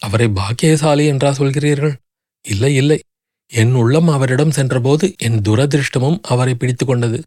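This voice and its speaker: A man's voice: medium pitch, normal speed, a little mellow, no room sound, clean studio sound, natural voice. A man voicing a grief-stricken young noblewoman who pleads desperately through sobs. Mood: grieving plea.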